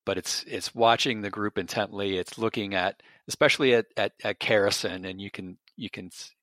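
A man narrating a tabletop game as a player, halting, with many fillers and restarts. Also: fairly low pitch, steady tone, fairly bright tone, dry recording.

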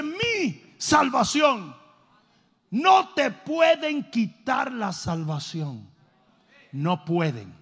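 A man's voice: high-pitched, vocal fry, in a large hall. A male pastor preaching a sermon with comic storytelling and emphatic delivery.

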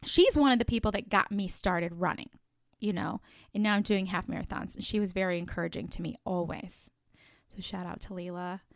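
A woman's voice: mid-range voice, fairly quick, no echo, clean studio sound. A woman in her thirties hosting a motivational podcast, upbeat and emphatic, repeating phrases to encourage her listeners. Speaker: podcast host.

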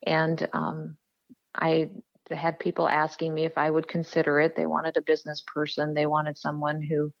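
Low, flat-voiced middle-aged woman. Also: normal speed, gravelly, dry recording, highs cut off. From South Dakota, USA. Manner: earnest, plain-spoken, frequent "um"s. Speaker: guest, politician. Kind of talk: casual interview storytelling.

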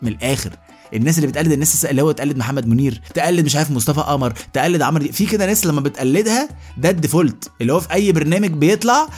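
Speaking with an Egyptian Arabic accent, a male podcast host delivers a comedic monologue, rapid and animated, often mimicking other people. His pitch is fairly high, and faint music plays behind him.

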